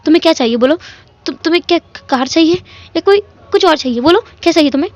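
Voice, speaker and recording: A woman's voice: high-pitched, animated, fast talker, dry recording. A woman doing a stammering overjoyed father. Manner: stammering with emotion. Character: fond emotional father, older man, overjoyed. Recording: dull lo-fi audio.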